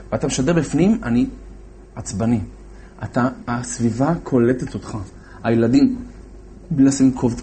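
A man telling a religious story as a sermon in an animated way, acting out the voices of the characters. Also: mid-range voice, slight background noise.

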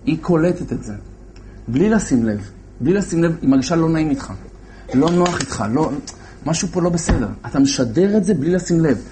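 A man telling a religious story as a sermon in an animated way, acting out the voices of the characters. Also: on the high side, slight background noise.

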